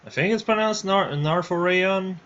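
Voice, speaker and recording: A man's voice: high voice, moderate pace, fairly bright tone. Streamer host, male, headset livestream audio, rambling casual delivery, lo-fi sound. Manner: rambling, restarts often. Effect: livestream headset mic audio. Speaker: livestream host running a build showcase. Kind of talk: casual live-stream chat.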